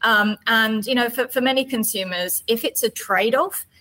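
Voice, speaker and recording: Female business guest for interview. Bright, crisp-edged tone, measured conversational explainer. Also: on the high side.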